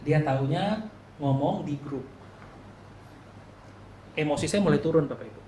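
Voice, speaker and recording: A man preaching a sermon to the congregation, talking to them directly and acting out his inner thoughts in a quiet murmur. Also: fairly high pitch, a little slow, slight background noise. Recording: echoey hall with faint ambience.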